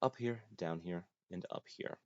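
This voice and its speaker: A gaming YouTuber, a young man, speaks in a low, darkish voice at a normal speed, muttering to himself through casual gameplay commentary. He makes dry, self-mocking jokes, and the recording is dull, lo-fi and dry with no room sound.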